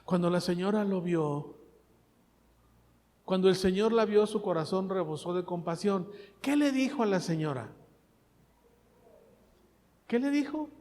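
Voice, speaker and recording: A man preaching a sermon, asking the congregation questions and swinging between loud and soft. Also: sits high, lively intonation, a little slow, pauses often, big-room sound, a little hiss or hum. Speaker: pastor.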